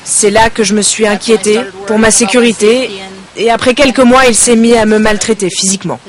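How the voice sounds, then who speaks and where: A woman giving a calm, serious testimony as a voice-over. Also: fairly high pitch, a little fast, crowd noise. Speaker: interviewee.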